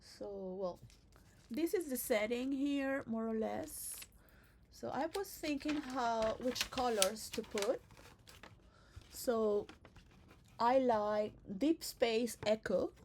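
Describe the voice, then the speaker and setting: A woman's voice: fairly high pitch, slow, background noise. A woman from Venezuela whose first language is Spanish, vlogging in a meandering, blunt monologue that swears freely. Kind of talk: casual rambling monologue. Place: recorded at her own setting, she shows on camera.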